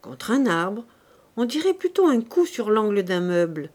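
A woman's voice: mid-range voice, very animated, a little slow, a little mellow. A woman reading the lines of a charitable young woman who scolds the poor firmly but kindly. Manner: firm, scolding but kind.

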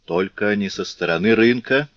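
A man's voice: on the low side, normal speed, fairly bright tone, dry recording, muffled recording, natural voice. A man reading a stern commanding rebel leader. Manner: firm, authoritative.

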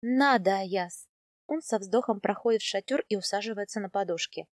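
A woman narrating a first-person audiobook in a lively, expressive reading voice. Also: mid-range voice, fast, dry recording, studio quality. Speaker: audiobook reader.

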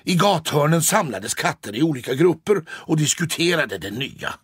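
A man narrating an audiobook story in an animated, expressive way. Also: on the high side, slightly rough, no echo, studio quality.

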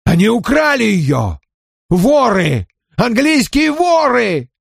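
Man doing a shrill fairy spirit, haughty, murderous, high-pitched, theatrical, swinging pitch. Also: big pitch swings, unhurried, vocal fry, no room sound, studio quality, heavily acted. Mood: furious. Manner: theatrical, exulting, shouting in rage. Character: haughty cruel male fairy spirit, gleeful killer.

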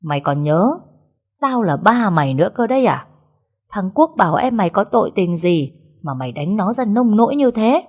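A woman voicing a wealthy, furious older father in a storybook reading, scolding loudly. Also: fairly low pitch, lively intonation, fast. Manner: loud scolding.

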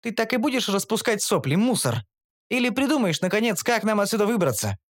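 A man voicing a sharp-tongued, scornful young female elf in an audiobook. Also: sits high, animated, fast talker, pitched above the performer's own voice. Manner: cutting, insulting. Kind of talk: audiobook character voice.

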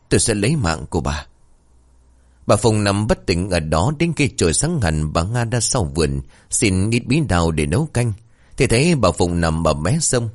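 A man narrating a horror story in a steady, expressive storytelling manner. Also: deep voice.

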